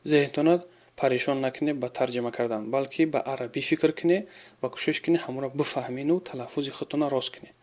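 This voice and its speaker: A man with a Tajik accent teaching an Arabic lesson. He reads each Arabic example slowly and carefully, then explains it in his own language. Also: mid-range voice, a little mellow.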